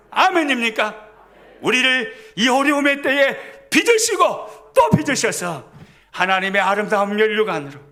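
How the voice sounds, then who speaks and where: A man preaching a sermon as pastor, in call-and-response style, swinging between loud emphatic lines and soft low ones. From South Korea.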